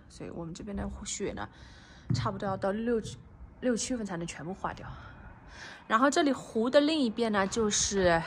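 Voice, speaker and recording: A woman with a medium-pitched voice tours a house under construction as a real estate agent, casually chatting and weaving in English terms. She films on a handheld phone, at times dropping almost to a whisper, and a little hiss or hum is present.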